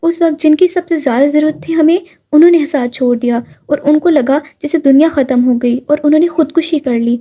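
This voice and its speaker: Woman doing a soft patient mom from a storybook, high mellow voice, gentle. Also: hardly any pauses, natural voice. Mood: consoling. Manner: gentle, consoling. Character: grieving widowed mother, patient and devout.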